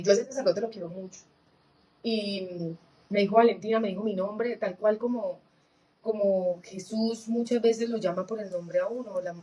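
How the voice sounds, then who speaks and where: A woman telling her personal testimony in an earnest, reflective way, often pausing with fillers and restarting her sentences. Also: medium pitch, mellow, slight background noise, low-quality recording. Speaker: guest giving a testimony.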